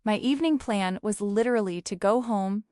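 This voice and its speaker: A woman's voice: mid-range voice, moderate pace, a little mellow, no room sound, clean studio sound. A woman narrating a first-person story in a casual, slangy, conversational way.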